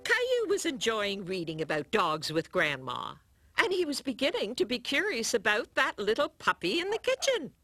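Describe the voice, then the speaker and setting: A woman narrating a children's cartoon story in an expressive storytelling manner. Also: fairly high pitch, normal speed, no echo. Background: music.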